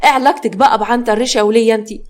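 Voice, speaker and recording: Woman as furious Egyptian officer, a father, barking orders, highish fast voice, story reading. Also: steady tone, lightly acted. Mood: angry. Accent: Egyptian Arabic. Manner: furious, commanding. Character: angry male police officer and father.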